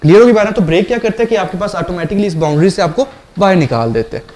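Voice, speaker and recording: A man's voice: high-pitched, lively intonation, very fast, darkish tone. A male lecturer teaching a programming class, explaining step by step and often asking the class questions to check they follow.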